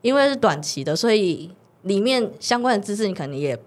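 A young woman co-hosts a casual podcast. She tells a story at a quick clip in a middling voice. She livens it up by acting out what others said. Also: mid-range voice. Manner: animated storyteller who acts out other people's lines. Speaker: podcast co-host.

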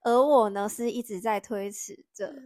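A woman's voice: medium pitch, moderate pace, a little mellow, no echo, clean studio sound. A young woman from Taiwan with a Taiwanese Mandarin accent, a guest chatting casually in a reserved, plain way. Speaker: guest, host's sister. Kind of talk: casual chat. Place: living room of a home.

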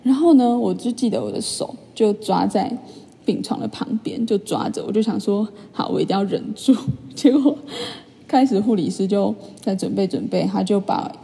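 A young woman chats through a story for her vlog, full of fillers and animated asides. Her voice is mellow and husky with a gravelly edge of fry. A long reverb trails after her words. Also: mid-range voice, moderate pace. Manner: chatty, animated retelling with many fillers. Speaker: vlogger. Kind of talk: casual storytelling monologue.

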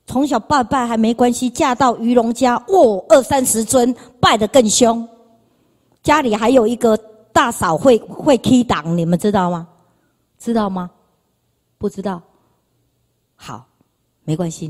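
In a reverberant church hall, a woman with a Taiwanese Mandarin accent gives an emotional personal testimony. Her voice is fairly high and a little mellow, her pace measured with frequent pauses, and she repeats phrases while speaking directly to the audience.

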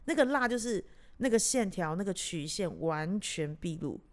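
A woman podcast host with a Taiwanese accent, chatting casually in an animated, teasing way. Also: medium pitch, moderate pace. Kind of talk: casual chat.

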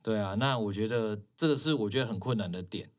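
Guy, hairstylist, rattles off stories fast, does little voices for quotes. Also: fairly low pitch. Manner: animated, acts out quoted dialogue in shifted voices. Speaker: hairstylist guest. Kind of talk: casual chat, storytelling.

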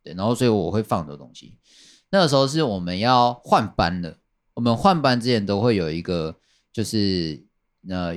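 A man chatting casually on a podcast, rambling and repeating his phrases with many fillers. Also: deep voice. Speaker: podcast guest telling a work story.

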